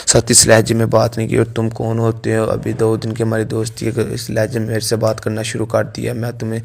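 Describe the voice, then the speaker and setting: A man's voice: fairly low pitch, completely flat delivery, vocal fry, a little mellow. Man reading an angry, hurt young woman. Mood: reproachful. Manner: plain reading of quoted lines.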